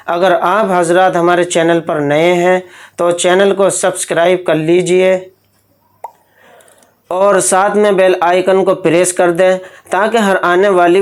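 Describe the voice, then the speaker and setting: Slow, smooth-voiced male tajweed teacher. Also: high-pitched. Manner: patient, explains rules step by step, then chants verses slowly. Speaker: Quran recitation teacher. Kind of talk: tajweed lesson with slow drawn-out recitation.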